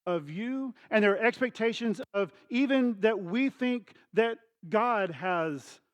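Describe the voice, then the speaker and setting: A man's voice: sits high, expressive, takes it slowly. A middle-aged man preaching a sermon, telling a story conversationally with acted dialogue and sound effects. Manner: conversational, addresses congregation directly. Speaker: pastor.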